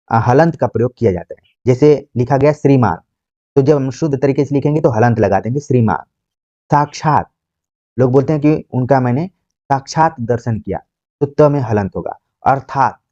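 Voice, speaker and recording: A man's voice: mid-range voice, dark tone, dry recording, dull audio. A man teaching Hindi spelling for exams, patiently repeating examples and asking rhetorical questions. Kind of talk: exam-prep grammar lecture.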